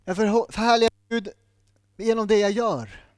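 A man's voice: high voice, steady tone, no room sound, clean studio sound. A man preaching a sermon in a church, building his points through short repeated phrases.

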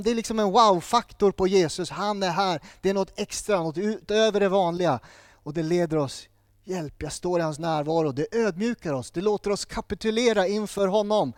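A man's voice: high-pitched, dry recording, clean studio sound. A man preaching a sermon in a church, building his points through short repeated phrases.

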